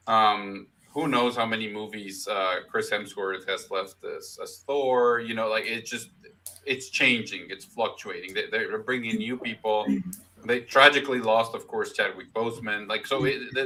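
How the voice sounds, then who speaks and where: Low bright-toned critical man. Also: poor audio. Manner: critical, hesitant, repeats words when starting. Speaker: podcast co-host. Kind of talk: casual chat.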